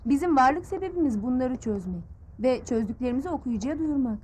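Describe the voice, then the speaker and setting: An actress playing a thoughtful journalist explaining her work calmly. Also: high voice, brisk, a little hiss or hum. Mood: earnest. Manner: calm, explanatory.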